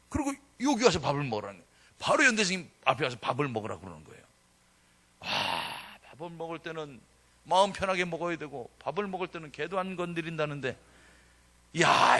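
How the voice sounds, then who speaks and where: A middle-aged male pastor tells a story from the pulpit with a bright, forceful voice. His pitch swings widely as he acts out each person in the story. He sits a little above the usual male register. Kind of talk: sermon storytelling.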